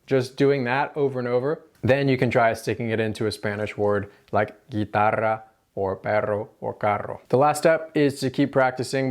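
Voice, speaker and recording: A man with an American accent explains pronunciation in a casual tutorial style, demonstrating tapped and rolled R sounds with repeated example syllables and words. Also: medium pitch. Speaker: language teacher.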